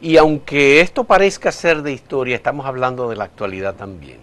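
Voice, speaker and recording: A man's voice: medium pitch, fairly quick, fairly bright tone, a little hiss or hum. A man with a Dominican Caribbean Spanish accent, hosting a conversational interview. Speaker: interview host.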